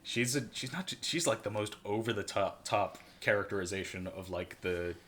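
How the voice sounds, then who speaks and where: A man's voice: fairly low pitch, normal speed, fairly bright tone, a little hiss or hum. A man co-hosting a casual movie-review podcast, rambling and sarcastic with lots of fillers. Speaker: podcast co-host.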